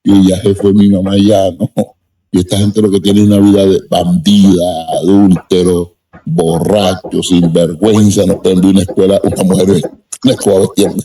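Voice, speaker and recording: A man's voice: low voice, little pitch movement, moderate pace, dark tone, poor audio. A man giving a personal testimony in an interview, emphatic and repeating words for stress. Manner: repetitive and emphatic. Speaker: interview guest.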